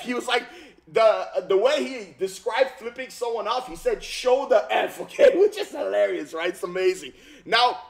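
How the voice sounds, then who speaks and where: In his home gaming room, a thirtysomething YouTube commentator from Armenia delivers casual reaction commentary on fight news through a headset mic. He has a high voice and an animated, slangy style, repeating himself often with frequent "bro" and "okay?".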